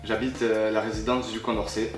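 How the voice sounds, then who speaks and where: Young guy, lowish voice, steady and plain, echoey room. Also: brisk, over music. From Montpellier, France. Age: young adult. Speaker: young resident. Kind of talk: casual interview.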